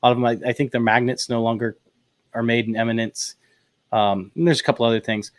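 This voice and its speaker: A man's voice: medium pitch, fast talker, no echo. Man chatting casually in a dry room. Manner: relaxed, chatty, many fillers and restarts. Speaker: host. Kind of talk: casual chat about audio gear.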